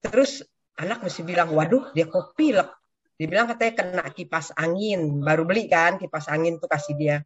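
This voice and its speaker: An older woman shares her personal testimony with her church community, telling her story animatedly and acting out what others said. Her voice is on the low side and a little fast, with slight background noise on a dull, dry lo-fi recording.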